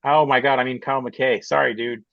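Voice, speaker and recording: A man's voice: medium pitch, fairly even intonation, brisk, gravelly, no echo, lo-fi sound. A man hosting a podcast over a video call through a headset mic, chatting casually and rambling with many restarts and fillers. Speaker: podcast host.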